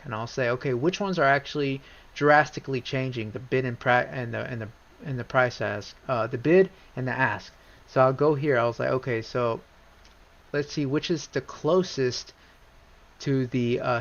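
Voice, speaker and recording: A man hosting a live trading stream, talking casually through charts, rambling with many restarts and bursts of excitement. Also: mid-range voice. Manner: rambling, restarts often, gets excited and repeats himself. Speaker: livestream trading host. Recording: slightly dull lo-fi stream audio.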